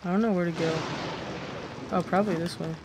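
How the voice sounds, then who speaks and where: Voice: medium pitch, steady tone, a little fast. A gaming host giving casual, jumpy reaction commentary on a horror game, repeating phrases when startled. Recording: clear game noise behind voice.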